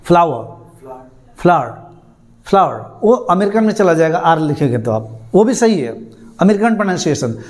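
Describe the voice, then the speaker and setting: High-voiced man teaching English. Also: expressive, brisk, a little mellow. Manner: repeats words, asks students questions, chuckles. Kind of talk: classroom lesson. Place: classroom.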